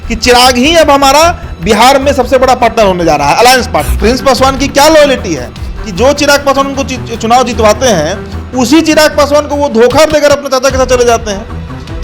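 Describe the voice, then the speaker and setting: High-pitched man giving political commentary. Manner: assertive, explains step by step with many fillers. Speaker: political analyst.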